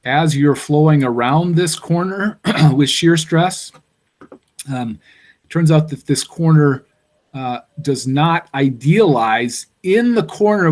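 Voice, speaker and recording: A man's voice: fairly high pitch, a little mellow. A man giving a university engineering lecture, explaining step by step and thinking aloud with fillers.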